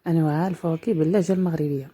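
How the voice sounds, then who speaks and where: Slow, low-voiced woman teaching vocabulary. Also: steady tone, dark tone, husky. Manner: slow, repeating each word several times. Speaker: dialect teacher. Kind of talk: slow vocabulary lesson with repetition.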